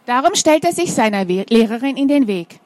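A woman's voice: fairly high pitch, lively intonation, fairly quick, darkish tone, no echo. A woman reading a children's story aloud, adding informal asides to her young listeners.

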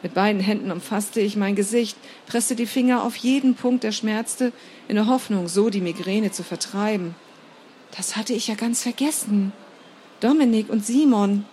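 Woman narrator, first-person story, measured, steady, mid-pitched, faint background hiss.

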